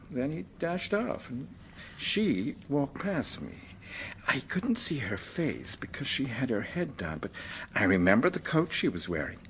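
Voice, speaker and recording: In this radio drama, a male actor voices an American manuscript collector who is evasive and quick to get flustered, staying polite yet defensive and stammering now and then. His voice sits in the mid range with a slightly rough edge.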